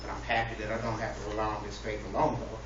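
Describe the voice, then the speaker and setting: Pitched fairly low and level in tone, this public speaker talks rapid-fire while a crowd is audible behind him. He gives a humorous, informal address in a playfully preacher-like, mock-earnest manner. Captured from a distance in an echoey indoor room with an audience, the audio is very reverberant, noisy and muffled.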